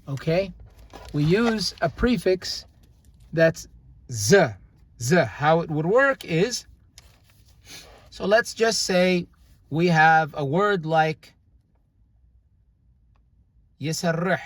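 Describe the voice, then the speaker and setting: In a fairly high voice with lively intonation, this young language teacher walks through grammar at an easy pace. His casual explanation is full of fillers and restarts, and the recording has no room sound.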